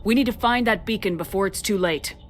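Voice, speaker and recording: A woman's voice: medium pitch, fairly quick, a little hiss or hum, lightly acted. An actress playing a resolute female military commander in a sci-fi game, controlled and businesslike. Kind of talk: cinematic sci-fi video game acting.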